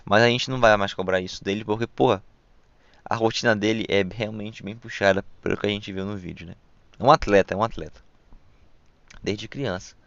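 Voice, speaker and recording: Gravelly young Brazilian man rambling. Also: on the low side, steady tone, a little fast, a bit bright, dry recording. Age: young adult. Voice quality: hissing s sounds pronounced as sh. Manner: rambling and reflective, with frequent slang and fillers. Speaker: podcast host. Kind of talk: casual solo podcast monologue. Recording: dull lo-fi dry recording.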